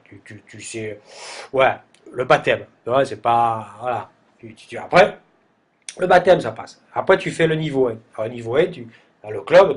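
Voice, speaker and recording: A man with a Marseille accent tells a humorous anecdote, stammering over repeated words and using coarse slang in a mocking, exasperated tone. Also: medium pitch. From southern France. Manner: stammering word repetitions, coarse slang, addresses listener as tu. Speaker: comic storyteller.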